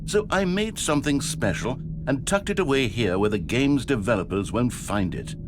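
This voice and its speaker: A man's voice: mid-range voice, very animated, moderate pace, background noise, close to an everyday voice. An actor playing a fussy, theatrical male narrator in a video game, eloquent and grandiose, indignant or wistfully nostalgic.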